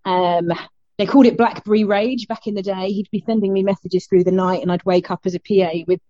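Chatty South London woman, mellow, roomy sound. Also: mid-range voice, fairly even intonation. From South London, England. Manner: chatty, halting, self-interrupting. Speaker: fitness instructor, interview guest. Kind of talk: casual interview chat. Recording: muffled, roomy internet call sound.

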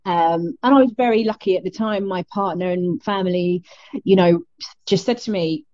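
A middle-aged woman with a South London accent, chatting casually as an interview guest in a halting, self-interrupting way over a muffled remote call. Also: lowish voice, darkish tone, no echo. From South London, England. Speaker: fitness instructor, interview guest.

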